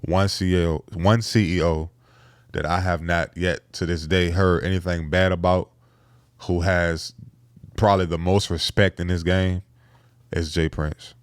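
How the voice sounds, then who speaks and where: A man co-hosting a podcast, calmly summing up and giving respect before his pick. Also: sits low, a little slow, dry recording, studio quality. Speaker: podcast co-host. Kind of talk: casual debate.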